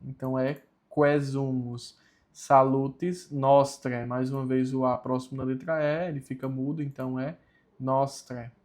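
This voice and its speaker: A man's voice: mid-range voice, level tone, normal speed, a little mellow. A man teaching the pronunciation of a Latin prayer, enunciating carefully and repeating words to drill them.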